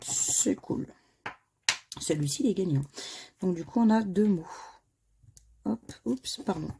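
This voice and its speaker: A woman's voice: medium pitch, lively intonation, moderate pace, gravelly, noisy background. A woman who talks casually to her viewers while scratching lottery tickets, spelling out letters one by one and muttering under her breath between them. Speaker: scratch-card vlogger.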